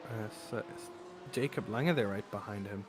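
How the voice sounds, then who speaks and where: A man calling a sim race live, talking through his race-day hoarseness with lots of fillers and restarts. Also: on the low side, moderate pace. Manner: excitable, many fillers and restarts. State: voice wearing out. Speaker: race commentator. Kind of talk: live sim racing commentary. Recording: noisy stream with engine sounds. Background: race car engine noise.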